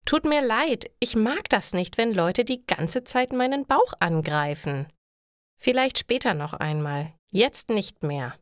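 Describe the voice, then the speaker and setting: A woman's voice: medium pitch, lively intonation, slow pace, dry recording, studio quality. A woman doing a tired, annoyed pregnant woman. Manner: firm, irritated.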